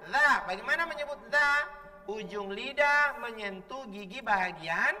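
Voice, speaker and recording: A man leads a children's Quran lesson in a teacherly, call-and-response way, stretching out each letter for the kids to copy. His voice is bright and carries a long studio reverb. Soft music plays faintly behind him. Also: very high-pitched, lively intonation, moderate pace, distant mic. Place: television studio.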